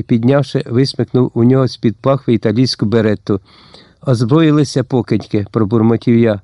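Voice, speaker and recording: Dark-voiced male audiobook narrator. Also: mid-range voice, no echo, clean studio sound. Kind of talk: scripted first-person narration.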